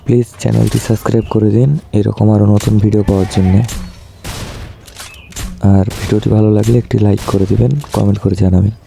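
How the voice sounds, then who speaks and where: A hoarse man with a cold and a Bangladeshi Bengali accent, giving a casual update on a game event as a gaming YouTuber, in a relaxed, flat delivery. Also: fast talker, faint music behind. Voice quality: gravelly, low and dark.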